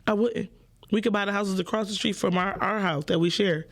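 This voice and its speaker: A woman's voice: mid-range voice, steady tone, brisk. A young woman hosting a casual call-in podcast, talking bluntly and playfully with plenty of profanity, straight to her listeners. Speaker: podcast host.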